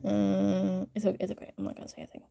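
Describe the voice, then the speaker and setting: Talking rapid-fire with lively intonation, the young woman has a medium-pitched voice that's creaky yet mellow. She's a livestreaming artist at home in an upstairs bedroom, chatting casually, rambling, giggling and getting distracted by the comments she reads.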